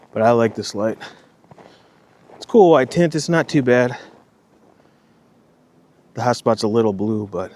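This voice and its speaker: Out walking at night, a man records a casual vlog in a mid-range voice with a darkish tone. There's a slight Minnesotan accent as he rambles along, the occasional swear slipping in.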